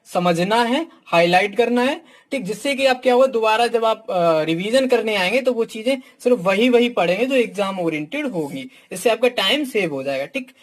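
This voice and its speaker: A man coaching exam students in a casual teaching talk, blunt and frank in his views, who addresses them as "my dear" and tacks a "theek" onto almost every phrase. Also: sits high. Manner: fills nearly every phrase with "ठीक"; talks straight to students, calling them "my dear". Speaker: exam coach reviewing books.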